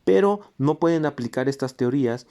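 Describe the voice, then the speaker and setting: In a recorded lecture, a man teaches music theory at a moderate pace with a mid-range voice, explaining steadily. He points to examples as he goes and sings short rhythm syllables to show where the accents fall.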